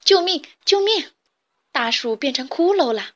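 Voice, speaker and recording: A woman's voice: sits high, expressive, a little slow, fairly bright tone, voice pushed up. A woman voicing a superstitious flock of panicky chicks in a storybook, shrieking shrilly. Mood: panicked.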